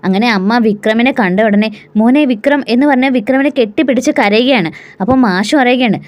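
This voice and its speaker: A woman's voice: fairly high pitch, a little fast. A woman casually retelling a serial episode in conversational narration. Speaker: storyteller recapping a serial.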